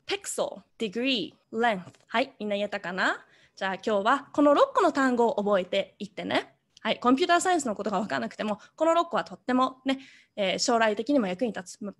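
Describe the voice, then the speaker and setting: A woman teaching an online coding lesson to children, cheerful, and mixing English words into her speech. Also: fairly high pitch.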